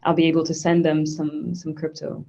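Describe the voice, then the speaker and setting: A woman's voice: sits low, completely flat delivery, moderate pace, gravelly, mellow. A woman from Switzerland, a guest in a conversational interview, talking thoughtfully with frequent restarts. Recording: dull lo-fi sound.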